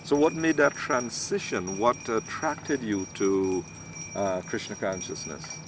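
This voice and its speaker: A man hosting an interview, asking questions in a measured way with hesitant restarts. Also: on the low side. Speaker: host. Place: outdoors, in hills. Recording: noisy outdoor recording.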